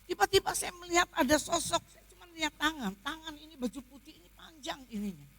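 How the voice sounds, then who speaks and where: A middle-aged woman pastor telling a personal testimony in a church sermon, swinging between loud passages and hushed ones. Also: sits high, lively intonation, quick pace.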